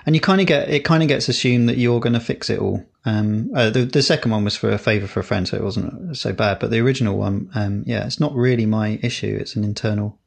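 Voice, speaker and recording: A man with a fairly low, gravelly voice co-hosts a podcast, talking fast with few pauses. His casual chat rambles and hesitates, full of fillers and restarts.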